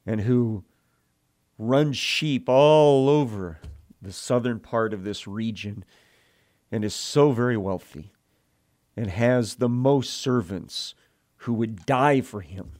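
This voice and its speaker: Male preacher, unhurried delivery, mid-range pitch, earnest and emotional in telling the story. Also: a little mellow. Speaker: Bible teacher. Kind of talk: sermon with scripture reading.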